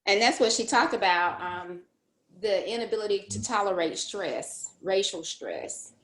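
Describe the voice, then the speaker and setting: A woman's voice: mid-range voice, lively intonation, unhurried, a bit bright, reverberant. A woman talking things through on a video call with an ordinary mid-range voice. She stays conversational and thinks aloud, with plenty of "you know" and "um.". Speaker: book club discussion member. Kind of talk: casual discussion on a video call.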